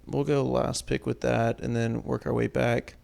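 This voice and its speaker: A young man co-hosts a podcast in loose, casual chat, hesitating and trailing off as he thinks aloud. His voice carries a gravelly fry yet stays smooth and resonant underneath. He sits at a middle pitch for a man. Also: flat delivery, moderate pace, darkish tone. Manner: hesitant, trailing off, lots of fillers. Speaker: podcast co-host.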